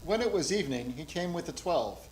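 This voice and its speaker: Echoey, higher-voiced man reading scripture. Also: expressive, brisk, a loud crowd. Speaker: scripture reader at a Good Friday service. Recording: echoey room with clear background noise.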